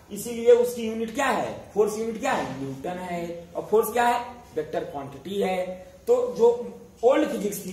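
Filmed from a distance in a heavily echoing room, a man teaches science in a high, slightly mellow voice. He poses questions to the class, answers them himself, and repeats each key term, while a faint hiss runs beneath the recording.

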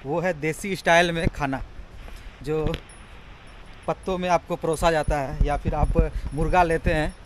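Young man, self-shot outdoor travel vlog, chatty, clear background noise. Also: on the high side, fairly even intonation, unhurried. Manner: chatty, touristy, praising the sights. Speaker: travel vlogger. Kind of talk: casual travel vlog narration. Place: outdoors in forest and by a waterfall. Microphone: phone or camera held at arm's length.

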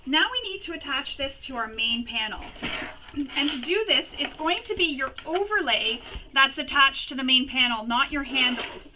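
A woman hosting a sewing tutorial, giving practical step-by-step instructions and pausing while she works. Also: high voice, lively intonation, distant mic, noisy background. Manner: chatty and practical, pauses while working.

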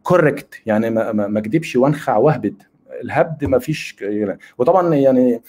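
A man's voice: medium pitch, lively intonation, quick pace, a little mellow, husky. A middle-aged man with an Egyptian accent giving a casual webinar lecture, rambling and mixing in English terms. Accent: Egyptian Arabic. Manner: rambling, mixes English terms into colloquial speech.

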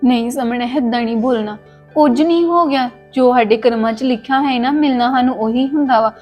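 A woman's voice: on the high side, a little fast, soft background music, lightly acted. A woman playing a caring Punjabi elder sister. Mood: consoling. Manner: consoling, scolding gently, homely. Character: caring young woman comforting her sister. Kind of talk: Punjabi family drama acting.

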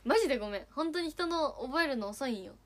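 A woman's voice: sits high, expressive, quick pace. A young woman from Kagawa with a Sanuki dialect accent, chatting casually on a livestream as an idol, reading fan messages with a giggly, playful manner. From Kagawa, Japan. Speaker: idol streaming and chatting with fans.

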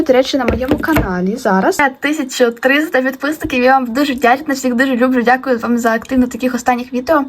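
A woman's voice: a little high, a little hiss or hum. A young woman vlogging casually about her art and her day, chatty and eager to show viewers her work. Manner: chatty, enthusiastic, shows things to viewers. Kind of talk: casual vlog narration. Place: rural home.

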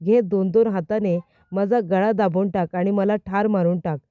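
A distraught, volatile young woman pleads and demands answers in a dark, mellow voice, read out by a female narrator. The sound is dry and close, with no room around it. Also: mid-range voice, fairly even intonation, moderate pace, no room sound, natural voice.

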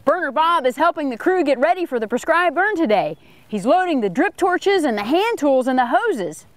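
Over background music, a woman narrates a voice-over for children as a prescribed burner explaining the forest, keeping it upbeat and simple. Her voice is high-pitched and very animated, at a moderate pace.

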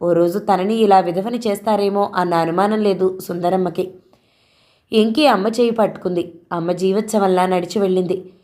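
A woman storyteller giving a steady, expressive scripted narration of an audio story. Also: mid-range voice, normal speed.

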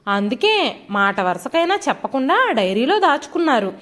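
Storybook nagging wife, high and animated, read by a woman. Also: moderate pace. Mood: scolding. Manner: nagging, sarcastic, loud. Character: quarrelsome middle-aged wife, sharp-tongued.

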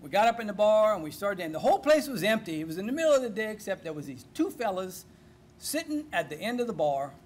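A man with a Cajun accent from South Louisiana, telling folksy comic stories to a live audience. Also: high voice. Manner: lively, folksy joke-telling with drawn-out punchlines. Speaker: humorist.

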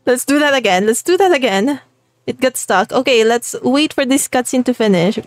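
A young Filipino woman from a Tagalog background hosts a gaming channel and cheerfully chats with her viewers during a let's play, laughing often. Her voice sits high with lively intonation and a moderate pace, on a recording with no room sound and faint music behind it.

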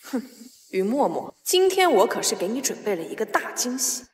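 A woman's voice: fairly high pitch, big pitch swings, moderate pace. An actress playing a sly, vindictive young woman scheming in a drama. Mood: gloating. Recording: echoey hall.

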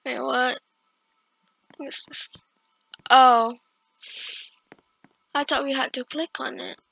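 High, creaky young-sounding female gamer. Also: fairly even intonation, slow, fairly bright tone, lo-fi sound. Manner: chatty, reacts aloud and talks to herself. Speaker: gaming video host. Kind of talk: casual gameplay commentary.

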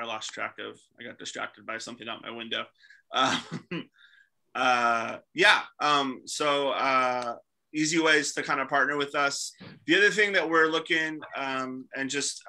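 Man, 30s, host on a video call; very bright tone, lots of ums. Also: mid-range voice, vocal fry, low-quality recording. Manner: halting, many fillers. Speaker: ministry staff host. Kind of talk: casual video call talk. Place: small room indoors.

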